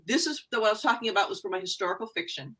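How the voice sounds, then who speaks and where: A woman's voice: medium pitch, animated, very fast, fairly bright tone, slightly rough, low-quality recording. A woman author chatting on a video call, rambling and restarting her sentences. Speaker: romance and mystery author. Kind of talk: casual video chat.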